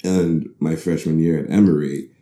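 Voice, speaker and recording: With a steady, mellow bass voice at a moderate pace, a man in his thirties from the Bahamas, an actor guest, shares his story thoughtfully in an interview. He laughs easily and corrects himself often, and the recording has a roomy echo.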